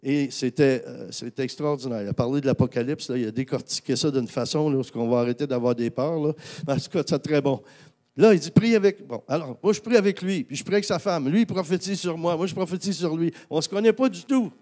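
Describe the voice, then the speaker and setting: A man, a pastor with a Québécois accent, telling a personal story in a sermon, animated, with many fillers and restarts. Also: a little high, fast talker.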